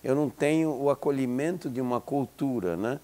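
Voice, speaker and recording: Though his pace is brisk, this older interviewee hesitates a lot, restarting and filling pauses as he reflects. He is a psychology professor in his seventies from Israel, Hebrew his first language, with a medium-pitched, mellow voice.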